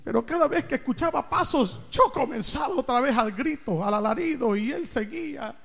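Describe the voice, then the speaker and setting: A man preaching, telling a dramatic personal story with big swings in loudness and pitch. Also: expressive, normal speed, gravelly. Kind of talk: storytelling sermon. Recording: reverberant hall.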